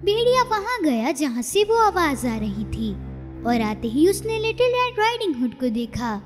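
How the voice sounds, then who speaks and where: A woman narrating a storybook cartoon in an expressive, storytelling way. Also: high-pitched, a little slow. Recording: reverberant, with music underneath.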